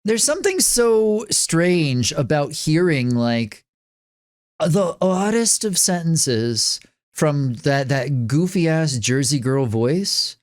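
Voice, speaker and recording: A man's voice: a little high, sing-song, slow. A man co-hosting a podcast, speaking casually with emphatic frustration and casual swearing. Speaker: podcast co-host. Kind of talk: casual chat.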